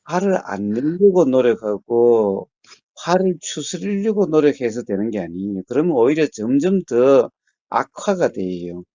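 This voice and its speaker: A man speaks slowly and steadily as a meditation teacher, answering a caller with patient explanations. His voice is mellow and lively in pitch. The sound is dry and dull, like a muffled call. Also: dry recording. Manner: calm, measured, often murmurs short assents. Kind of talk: phone counseling talk.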